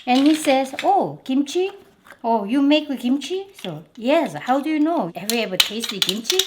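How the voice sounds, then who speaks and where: A woman's voice: high-pitched, sing-song, normal speed, background noise. A middle-aged woman from Korea with a Korean accent, chatting enthusiastically as she demonstrates a recipe in her home kitchen. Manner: chatty, enthusiastic, simple phrasing. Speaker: cooking show host. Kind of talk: cooking demonstration.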